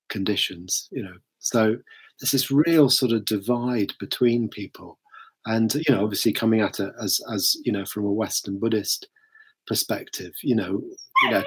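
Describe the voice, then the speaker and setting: A man's voice: lowish voice, breathy edge. A man answering interview questions thoughtfully, hedging with many fillers. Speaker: charity worker guest.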